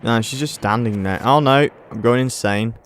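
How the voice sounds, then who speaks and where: A man commentating casually on a horror game he plays, reading on-screen text aloud haltingly with frequent restarts and startled exclamations. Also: mid-range voice, slight background noise. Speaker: let's play gamer.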